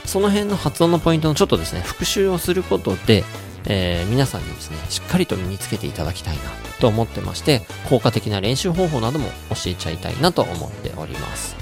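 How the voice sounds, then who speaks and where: A man hosting a radio-style English lesson, lively, demonstrating English sounds slowly and clearly. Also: fairly low pitch, over music. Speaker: English pronunciation teacher and show host.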